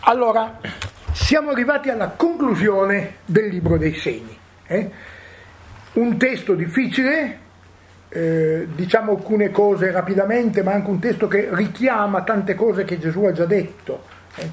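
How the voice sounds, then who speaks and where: A man's voice: high-pitched, lively intonation, measured pace. A man. He talks in a reflective, thinking-aloud way and keeps checking in with his listeners with short questions. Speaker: Bible teacher. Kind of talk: Bible study talk.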